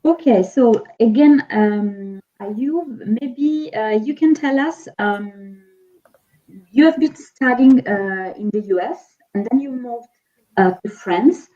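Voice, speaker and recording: A woman's voice: fairly high pitch, slow pace, dark tone. Woman interviewer, dull lo-fi sound. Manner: polite, hesitant questioning. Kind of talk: interview questions.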